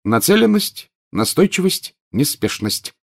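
A man voicing a brisk, insistent clever teenage schoolgirl in an audiobook. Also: on the high side, sing-song, creaky, pitched above the performer's own voice, full character voice.

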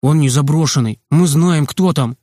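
A man's voice: a little high, normal speed, dark tone, no room sound, clean studio sound, close to an everyday voice. A man reading aloud voices a bold boy at summer camp who exclaims and calls out. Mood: excited.

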